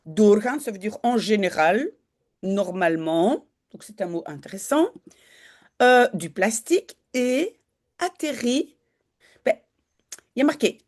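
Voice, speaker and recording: A woman's voice: fairly high pitch, very animated, takes it slowly, pauses often, darkish tone. A woman teaching Dutch, talking learners through a news article in a chatty way, with many fillers and self-corrections.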